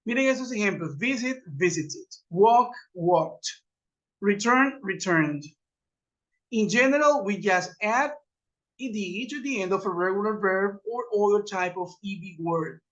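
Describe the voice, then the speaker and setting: A man's voice: high-pitched, slow pace, fairly bright tone. A man teaching an English grammar lesson in a webinar, patiently repeating and spelling out examples. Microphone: computer mic on a web call. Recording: dull lo-fi web conference audio.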